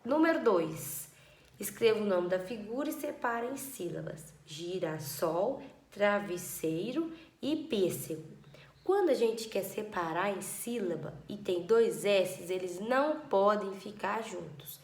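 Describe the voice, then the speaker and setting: Slow patient teacher. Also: female voice, medium pitch, expressive, darkish tone, roomy sound. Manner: slow, patient, stretches out words to spell them. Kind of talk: classroom lesson for children.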